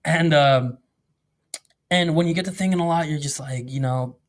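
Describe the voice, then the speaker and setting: A man's voice: a little high, normal speed. A man talking as a podcast guest, telling his story in a candid, casual way with many fillers and restarts. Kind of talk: candid conversational interview.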